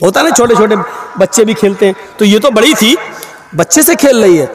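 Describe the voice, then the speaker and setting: A man's voice: expressive, a little fast. A man preaching a dramatic sermon, telling a story and acting out the voices in it. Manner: dramatic, swings from shouts to low acted voices. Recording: echoey hall sound.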